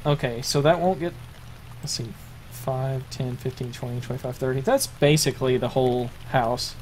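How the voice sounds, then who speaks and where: A man running a tabletop role-playing game as game master, narrating the action in a halting way with many fillers and restarts. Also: mid-range voice, steady tone, a little mellow, slight background noise.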